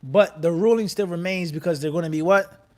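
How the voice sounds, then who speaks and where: A fairly quick, fairly high-pitched male teacher conducts a live-streamed mosque class on Islam. The lecture is conversational and animated, full of questions to the group, prompts for them to complete his sentences, and Arabic terms dropped into English.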